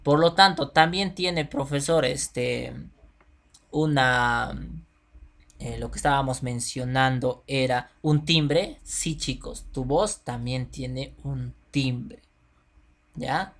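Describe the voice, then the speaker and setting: A man's voice: mid-range voice, takes it slowly, a bit bright. A man teaching a video lesson to children. He speaks directly to the pupil, uses simple everyday examples and often checks that they follow. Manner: checks in with the listener often, asking "ya?".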